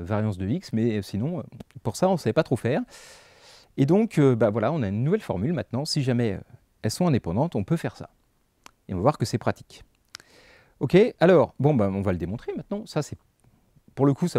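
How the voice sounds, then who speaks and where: A man explaining math to adult learners in a relaxed, conversational way, full of fillers and asides. His voice is mellow and warm. The recording is dry and close. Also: mid-range voice, no echo. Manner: casual, chatty, thinks aloud with fillers. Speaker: math teacher. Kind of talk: lecturing over slides.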